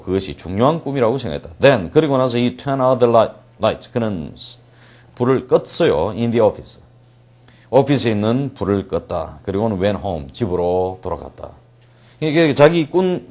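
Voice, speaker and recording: A man gives an English reading lecture, his voice moving through a wide, lively pitch range. He reads the English text slowly and deliberately, then explains it briskly. He keeps asking questions and answering them himself. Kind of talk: classroom lecture.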